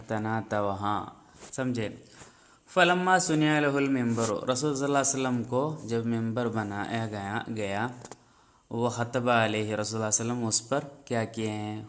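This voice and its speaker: A man teaching a religious lesson, reading an Arabic text aloud and explaining it line by line. He often pauses to search for words and keeps asking whether his students have understood. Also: mid-range voice. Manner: checks understanding with frequent "understood?"; halting, searching for words with fillers.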